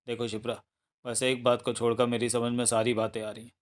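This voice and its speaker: A man's voice: mid-range voice, fairly quick, close to an everyday voice. A man voicing a confused young husband who claims to be another man, in a read-aloud thriller novel. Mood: calm explaining. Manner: bewildered then calm and explaining.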